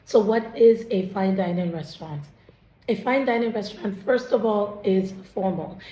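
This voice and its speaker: A woman chef with a hoarse, lost voice, casually explaining restaurant types while at work in her restaurant. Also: mid-range voice, mellow, reverberant, lo-fi sound, slight background noise. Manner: candid, listing examples quickly. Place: restaurant during dinner service.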